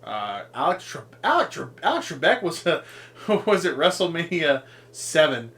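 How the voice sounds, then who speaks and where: A man's voice: a little high, sing-song, moderate pace, fairly bright tone. A man co-hosting a casual podcast, rambling through a list with frequent ums, swearing and laughing at his own jokes. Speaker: podcast co-host.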